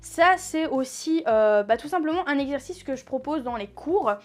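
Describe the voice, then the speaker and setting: A high-voiced woman explains beginner sewing projects in a relaxed, chatty way. She fills her sentences with little hesitations and corrects herself as she goes. Soft music plays faintly behind her. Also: moderate pace. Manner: chatty, many fillers and self-corrections. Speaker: sewing teacher. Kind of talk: casual tutorial explanation.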